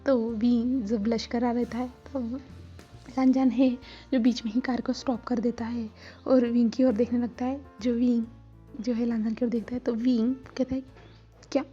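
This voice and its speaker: A woman casually retelling a story in a plain, even way. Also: a little high, normal speed. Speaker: story narrator. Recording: slightly dull with soft music.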